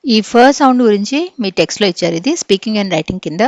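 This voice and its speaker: A woman's voice: medium pitch, animated, fairly quick, darkish tone, no room sound, muffled recording. A woman with a Telugu accent teaching an exam-prep English phonetics lesson, explaining step by step, checking in with frequent "okay?" and spelling words out letter by letter.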